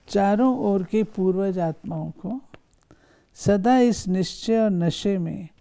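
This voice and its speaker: A woman reads a spiritual discourse in a very warm, mellow voice. Her delivery is measured and instructive, and she keeps posing questions to her listeners. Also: mid-range voice. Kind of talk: reading a spiritual discourse aloud.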